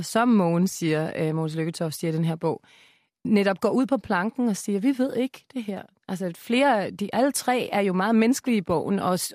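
A woman on a radio talk show, explaining and defending her views at length. She argues earnestly and steadily, pausing on fillers as she builds her points. The studio sound is dry and close. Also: lowish voice, darkish tone, no room sound. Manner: measured, earnest arguing with fillers. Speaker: guest author. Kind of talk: radio debate.

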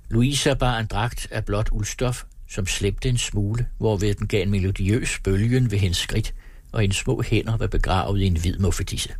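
Low-voiced man reading a story. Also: dry recording. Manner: steady, measured storytelling. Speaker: narrator.

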